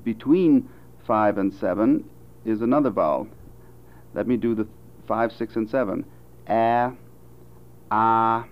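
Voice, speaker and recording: An American man with a lowish voice works through vowel sounds one by one. He speaks slowly and deliberately, pausing on each example word like a patient instructor. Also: highs cut off. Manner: slow, careful, measured delivery with deliberate example words. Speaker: phonetics instructor. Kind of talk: recorded vowel demonstration lecture.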